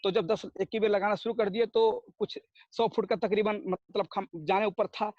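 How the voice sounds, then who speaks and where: A man's voice: high-pitched, steady tone, moderate pace, dry recording, dull audio. A man giving a motivational talk at a network marketing meeting, telling stories and firing rhetorical questions at the audience. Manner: storytelling, rhetorical questions, acts out dialogues.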